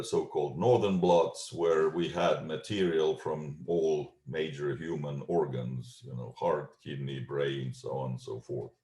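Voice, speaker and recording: A middle-aged man with an Estonian accent giving a scientific talk over a video call, measured and full of ums and uhs. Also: a bass voice, darkish tone. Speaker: genetics researcher giving a talk. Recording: echoey room.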